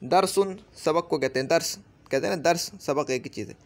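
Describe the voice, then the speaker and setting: A man with an Urdu accent teaching Arabic grammar in a patient lesson, slowly repeating each word for the learner. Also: fairly high pitch, vocal fry. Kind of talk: explanatory lesson.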